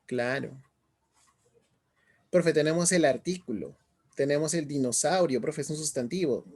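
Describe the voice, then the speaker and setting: A man's voice: on the high side, unhurried, darkish tone, husky. A middle-aged male teacher giving an online class, often asking students questions and checking in as he explains. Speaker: language teacher.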